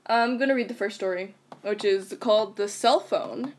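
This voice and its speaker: A woman's voice: medium pitch, moderate pace, slight background noise. Giggly, bubbly woman chatting. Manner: bubbly and giggly, bursts into excited squeals. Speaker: channel host. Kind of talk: casual chat and reading a scary story aloud.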